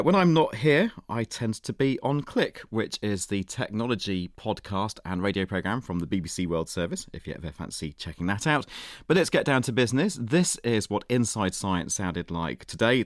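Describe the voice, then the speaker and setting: Middle-aged male host, low and animated, wry scripted read, dry studio sound. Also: no room sound. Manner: lively, wry presenter delivery. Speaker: science podcast host. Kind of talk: scripted radio presenting.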